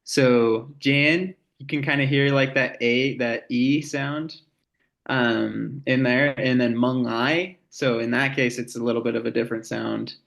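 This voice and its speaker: Man, slow speaker, mid pitch, hesitant, casual lesson. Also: steady tone, creaky, a bit bright. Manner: unhurried, hesitant, many fillers. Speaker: language teacher.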